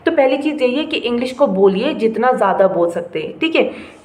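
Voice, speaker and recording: A woman's voice: on the high side, lively intonation, brisk, darkish tone. A young woman giving a casual spoken-English lesson, chatty and encouraging, often checking in with her listeners. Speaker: English-speaking coach. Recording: echoey room with faint ambient noise.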